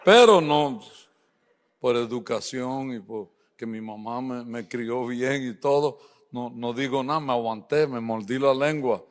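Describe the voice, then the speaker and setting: A man's voice: medium pitch, measured pace. Joking preacher man in a reverberant hall. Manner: joking storyteller, playful asides to the congregation. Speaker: guest preacher. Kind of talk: humorous sermon in a church service. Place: church sanctuary.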